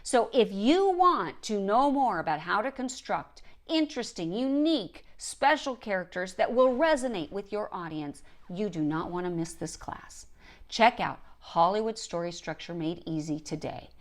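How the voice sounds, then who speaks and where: This woman, a writing coach and show host, teaches in a direct, emphatic style, going back over important points for stress. She speaks at a normal speed in a mid-range, animated voice.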